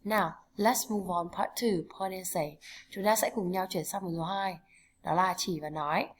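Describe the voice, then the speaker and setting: A woman with a Vietnamese accent teaching an English lesson to children, saying each word slowly and repeating it for pupils to copy. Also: on the low side, fairly even intonation. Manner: slow, carefully repeats words for pupils to copy.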